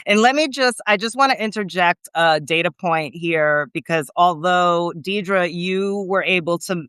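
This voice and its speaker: A woman hosting an interview over a video call, listening closely with steady "mm-hmm"s and then explaining options plainly. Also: fairly low pitch, unhurried, clear, resonant tone, dry recording. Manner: attentive, frequent "mm-hmm" backchannels. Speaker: host, immigration lawyer.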